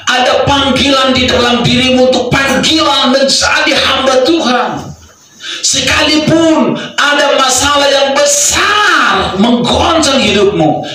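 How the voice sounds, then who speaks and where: A man preaching who voices Jesus as a calm male teacher, gently questioning and at times calling out with passion. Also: fairly low pitch, normal speed, soft background music, natural voice. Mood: impassioned. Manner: gently questioning, then impassioned shouting. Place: church hall. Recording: echoey hall, voice from far off.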